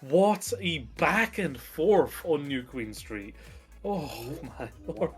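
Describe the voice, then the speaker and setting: A man's voice: fairly high pitch, big pitch swings, slow. A man co-casting an esports match, gushing enthusiastically about the close game that just ended. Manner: enthusiastic, gushing recap of the play. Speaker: esports co-caster. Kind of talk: live esports commentary.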